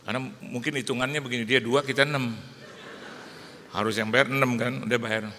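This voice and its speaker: A male pastor preaching, telling a comic story and acting out the dialogue in lively bursts. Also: medium pitch, fairly quick, a little hiss or hum. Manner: animated, jokey storytelling with acted-out dialogue. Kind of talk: sermon with storytelling. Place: large church hall. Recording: live hall reverb, faint ambience.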